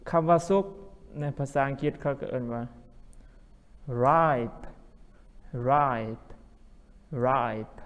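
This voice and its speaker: A man teaching English vocabulary as a language teacher, who repeats each word several times. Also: mid-range voice. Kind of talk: vocabulary lesson. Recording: long hall reverb.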